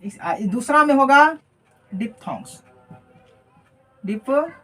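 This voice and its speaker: A woman's voice: a little high, expressive, unhurried, faint music behind. A woman teacher explaining phonetics at a board. She repeats key words, asks questions and answers them herself, and keeps checking that students follow. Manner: often adds a checking "right?" tag. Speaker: English teacher. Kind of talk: classroom lesson explaining phonetics.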